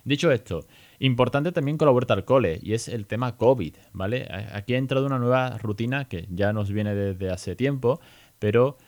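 A man with a Spain accent hosting a podcast, talking in a lively, chatty way and mixing in English phrases. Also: mid-range voice, moderate pace. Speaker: podcast host. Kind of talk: casual podcast monologue.

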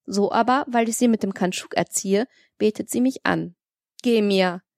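A woman's voice: medium pitch, moderate pace, creaky, a little mellow, no room sound, studio quality, close to an everyday voice. A woman reading the part of a domineering, worldly man who lectures with ironic liveliness in an audiobook. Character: domineering worldly man, mocking, tyrannical toward women.

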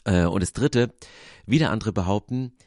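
A man's voice: fairly low pitch, normal speed, darkish tone, no room sound, studio quality. A man hosting a devotional podcast, speaking earnestly and reflectively and reading aloud from the Bible. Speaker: podcast host.

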